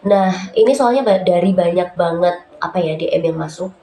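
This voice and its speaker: Stuffed up and nasal from a cold, a female YouTube host shares writing tips in a casual vlog, filling her chat with fillers and addressing her viewers as "guys." She speaks at normal speed in a fairly low, warm voice, with roomy echo and faint background noise in the audio.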